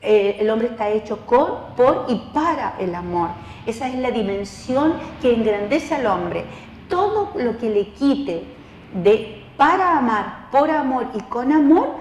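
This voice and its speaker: A woman's voice: takes it slowly, slight background noise. Woman preaching in an echoing hall. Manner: expressive, acts out quoted voices with rising pitch; addresses listener directly as tú. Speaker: lay preacher teaching a seminar. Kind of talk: spoken sermon teaching. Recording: roomy hall with long reverb.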